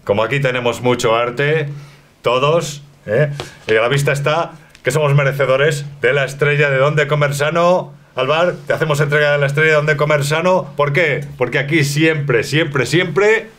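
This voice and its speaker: A man's voice: a little high, moderate pace, a bit bright. A man in his thirties co-hosting with a playful, theatrical manner in a restaurant dining room, picked up by a distant camera mic. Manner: theatrical, jokey. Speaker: co-host.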